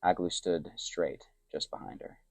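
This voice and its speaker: A man narrating an adventure story in a soft, hushed storytelling manner, dropping to whispers for characters' thoughts. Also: low voice, steady tone, a little slow, gravelly, no echo.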